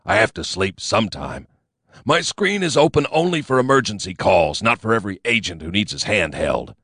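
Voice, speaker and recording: A man voicing a gruff older male chief of a secret agency, snarling and grumbling his lines. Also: fairly low pitch, very animated, moderate pace, fairly bright tone, no room sound, clean studio sound, exaggerated voice.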